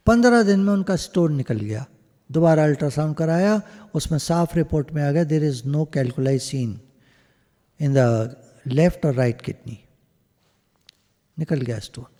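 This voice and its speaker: Mellow-voiced man giving a spiritual talk. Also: a little high, in a large hall. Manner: mixes in English phrases, slow and emphatic. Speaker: satsang speaker. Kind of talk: spiritual discourse. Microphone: video call.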